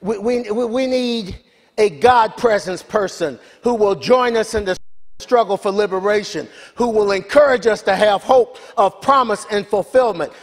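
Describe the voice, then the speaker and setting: A man preaches with fervor, his voice sitting unusually high and carrying a husky edge. His lines swell into shouted appeals. The sound rings with the long reverb of a big church hall, and a congregation is faintly heard behind him. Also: moderate pace. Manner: impassioned preaching, rising to shouted calls. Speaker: pastor. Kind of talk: sermon. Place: large church sanctuary with congregation.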